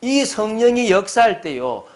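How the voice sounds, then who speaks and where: A man's voice: sits high, very animated, unhurried, slight background noise. A man preaching a Sunday sermon as pastor. He stresses his points hard and keeps putting questions to the congregation.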